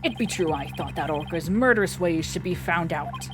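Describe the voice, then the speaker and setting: A woman putting on a slow, drawling pirate voice for a boastful male rapper, with game music behind. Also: fairly low pitch, expressive, natural voice. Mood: gruff.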